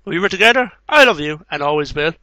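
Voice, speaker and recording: With a lively, sharp-toned voice that's a little high, a man in his thirties reads poems quickly into a headset mic, tossing in casual asides. He's an amateur reader and video maker recording in a small, cluttered bedroom with no echo.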